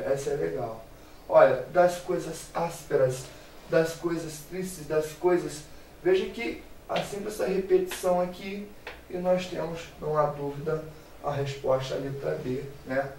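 A man teaching a grammar lesson, lively and playful, throwing in English exclamations. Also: on the high side, a little hiss or hum. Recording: echoey room, mic at a distance.

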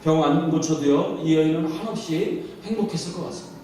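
A male pastor preaches with heartfelt storytelling and keeps asking his listeners rhetorical questions. His voice sits high for a man. He sounds far from the mic in a very reverberant church, with faint noise behind. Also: a little fast, warm tone. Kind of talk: sermon. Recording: echoey hall from far off.

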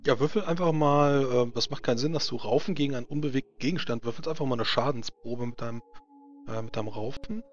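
A man's voice: medium pitch, fast, faint music behind. A man narrating a tabletop role-playing game as game master, searching for his descriptions. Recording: slightly muffled mic with faint noise.

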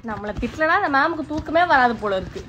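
Young woman doing high-pitched schoolgirl bits, whiny and sarcastic, noisy background. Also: animated, quick pace, fairly bright tone. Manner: bratty schoolgirl voices, pleading and sarcastic. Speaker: comedy sketch creator playing school student types. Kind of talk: comedy sketch acting.

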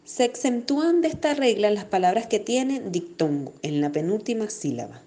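Deliberate woman teacher explaining to children. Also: mid-range voice, big pitch swings, warm tone. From Venezuela. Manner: slow, clear, deliberate explanation with stressed syllables. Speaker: primary school teacher. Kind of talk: recorded distance-learning lesson.

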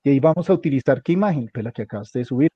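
A man's voice: mid-range voice, expressive, rapid-fire, slightly rough, dry recording. A man teaching a hands-on computer class, giving directions step by step and repeating them often. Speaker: instructor. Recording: dull lo-fi recording.

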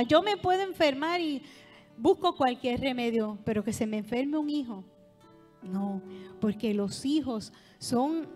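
A high-voiced woman with a Puerto Rican accent preaches to a convention crowd, her words ringing out through a big reverberant hall. She swings between loud, fervent calls and quieter asides. Faint music hums underneath. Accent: Puerto Rican Spanish. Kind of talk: sermon. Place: large hall at a church convention.

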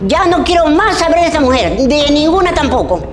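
A woman's voice: high voice, very animated, a little fast, echoey room. An actress playing a stern, possessive mother-in-law who scolds and accuses in a melodramatic web drama, with music playing behind her. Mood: indignant. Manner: scolding, indignant.

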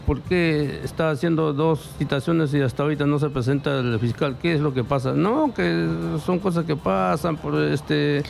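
A middle-aged man tells his story in a radio studio, halting and repeating himself as he acts out what others said. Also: a little high, fairly even intonation, gravelly, darkish tone, soft background music. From Peru. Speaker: interviewee reporting bank fraud. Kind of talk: emotional testimony in a radio studio. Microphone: studio mic with headphones.

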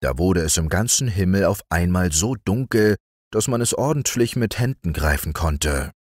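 A man narrating a fairy-tale audiobook in a calm, soothing bedtime reading voice. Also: deep voice, moderate pace, slightly rough, no room sound, studio quality. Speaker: storyteller.

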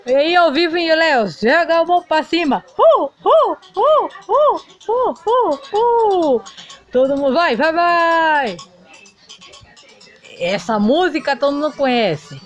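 A woman's voice: sits high, animated, moderate pace, faint music behind. A woman voicing a heartbroken male doll singer in a toy play video, melodramatic and sing-song. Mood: showy singing.

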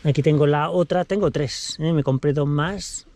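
This vlogger's voice is fairly high, mellow and moderately paced as he casually shows his kit outdoors by his car. Chatty and repetitive, he talks to an action camera held out at arm's length in a show-and-tell style.

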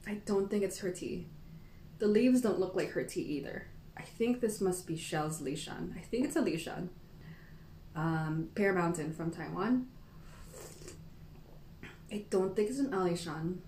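A woman's voice: on the low side, expressive, unhurried, long pauses, a little mellow. A young woman thinking aloud in a casual live stream, weighing tasting notes like a sommelier. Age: young adult. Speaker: tea taster, live stream host. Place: small indoor room at a table. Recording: echoey room with some background noise.

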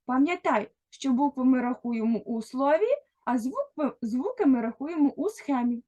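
A woman with a Ukrainian accent teaches a first-grade literacy lesson, speaking patiently and directly to a young child. Her high voice has a dark tone and is animated, moving at a moderate pace.

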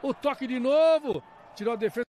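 A man's voice: very high voice, brisk, darkish tone. A Brazilian man doing live football commentary in a colloquial way, dotted with little interjections. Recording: faint stadium noise on broadcast.

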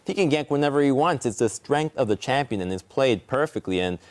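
A man's voice: mid-range voice, expressive, brisk. A man on an esports analyst desk explaining game mechanics step by step.

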